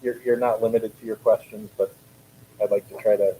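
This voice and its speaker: A man chairing a school board meeting, laying out the procedure in a steady, procedural way with small restarts, speaking from a board table in a meeting room. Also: on the low side, a little fast, a little hiss or hum, low-quality recording. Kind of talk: running a public meeting.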